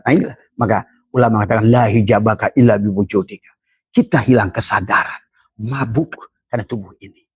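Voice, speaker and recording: A man preaching an Islamic sermon in a lively way, often rising high in pitch for emphasis and chanting Arabic verses slowly. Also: slightly rough, dry recording, highs cut off.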